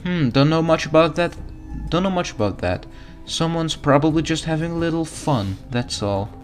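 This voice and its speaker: A motherly, folksy diner owner in a video game voiced by a man. The pitch is lifted and the manner is kindly. Faint music sits behind the voice. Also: lively intonation, normal speed, natural voice. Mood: gossipy. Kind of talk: reading video game dialogue aloud.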